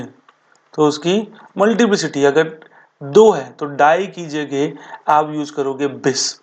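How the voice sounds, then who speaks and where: A male chemistry teacher talks through a board exam revision lecture. He keeps posing quick questions to his students and answering them himself. He drags out key terms slowly for emphasis. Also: on the high side. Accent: Hindi-speaking Indian. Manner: addresses students as beta and bhaiya.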